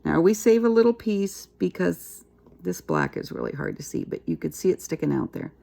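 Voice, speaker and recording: Gravelly-voiced woman teaching a craft. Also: lowish voice, normal speed. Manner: chatty, relaxed, talks while working with her hands. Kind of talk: casual craft tutorial.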